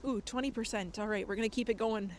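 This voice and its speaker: A fast-talking woman with a fairly high, steady voice streams IRL from city streets at night. She reads viewer comments chattily, laughs often, and is a little nasal from a cold she's getting over; there's slight background noise.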